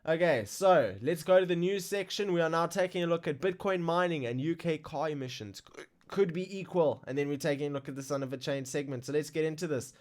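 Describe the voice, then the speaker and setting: Guy hosting a crypto livestream, kinda high voice, hiccuping, gets all worked up over the numbers. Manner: excitable, exclaims over numbers. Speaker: crypto news live stream host. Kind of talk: casual live-stream news roundup.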